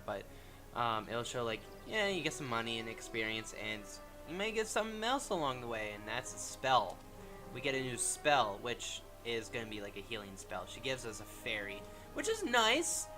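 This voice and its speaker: A man's voice: mid-range voice, big pitch swings, normal speed, over music. A man hosting a game walkthrough with casual commentary, thinking aloud informally.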